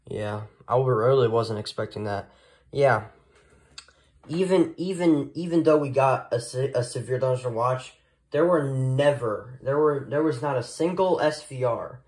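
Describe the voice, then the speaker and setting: With a mid-range, slightly dark voice, a man vlogs about the weather radios he collects. His casual product tour is unscripted, and he speaks haltingly, rambling and hesitating.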